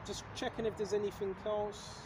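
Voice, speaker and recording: A man's voice: sits high, flat delivery, moderate pace, background noise. A man giving a rambling casual sermon to his video audience, full of rhetorical questions and repeated "right?", hiccuping now and then. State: has hiccups. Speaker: religious video host. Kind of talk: casual preaching monologue.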